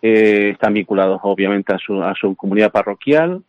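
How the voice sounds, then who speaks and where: A man, a seminary rector, answering an interview haltingly with many restarts. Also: lowish voice, dry recording, muffled recording. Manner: halting, full of restarts and fillers.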